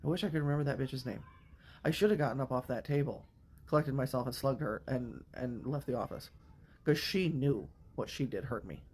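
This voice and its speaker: A woman's voice: extremely low pitch, brisk, a little mellow, husky. A woman in her fifties from the Midwestern United States tells a personal story straight to the viewer. Her delivery is candid and emotional, and she is blunt enough to swear freely. It sounds like a casual storytime monologue. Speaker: vlogger.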